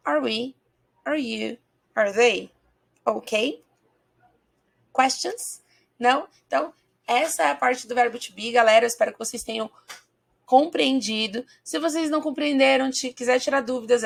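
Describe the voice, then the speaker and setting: A woman with a Brazilian Portuguese accent teaching English in a video lesson. She talks patiently, checks in often with her viewers and slows down to model each phrase. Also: fairly high pitch, vocal fry, a bit bright.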